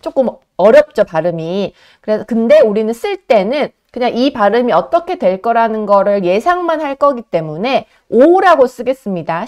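A woman's voice: a little high, darkish tone. A woman teaching English word reading to students, patiently spelling out each letter and answering her own questions. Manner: asks rhetorical questions and answers them. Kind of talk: phonics lesson for students.

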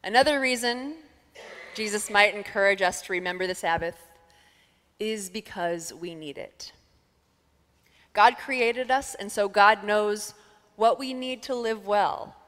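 A woman in her thirties, a pastor, giving a calm, measured sermon with thoughtful pauses through a headset mic in a church sanctuary. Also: medium pitch. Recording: long reverb of a church sanctuary.

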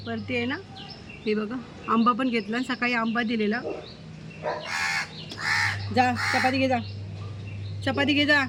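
A woman's voice: fairly high pitch, background noise. A woman chatting casually to camera at home while coaxing and calling out to a crow. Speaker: vlogger.

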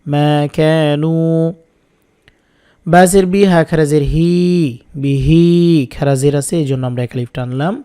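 A man teaching Quran recitation, patiently spelling out each letter and vowel before drawing the words out slowly. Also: fairly high pitch, mellow, smooth.

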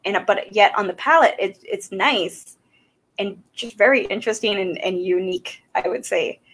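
This animated woman in her thirties, from South Carolina with a Southern American accent, talks at a moderate pace in a bright, mid-range voice with some vocal fry. Hosting a laid-back whiskey-tasting livestream from a small home room, she rambles with plenty of fillers into a boom-arm desk mic.

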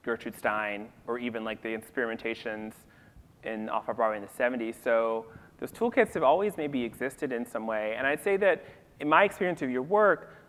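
Animated man on a festival panel, in a big reverberant hall. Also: mid-range voice, a little fast. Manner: animated, thinking aloud with many "you know"s. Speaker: panelist discussing theater.

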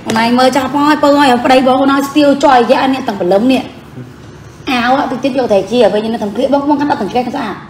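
During lunch at home, a woman chats casually and teasingly while eating, her voice sitting high and moving fast. The echoey room is noisy with cutlery and dishes clinking.

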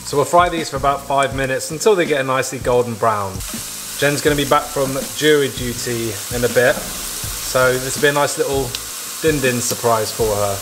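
A man's voice: medium pitch, background noise. Jokey man cooking at home. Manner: chatty and jokey, playful asides. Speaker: home cook, vlog regular. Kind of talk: casual cooking walkthrough. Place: home kitchen. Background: background music.

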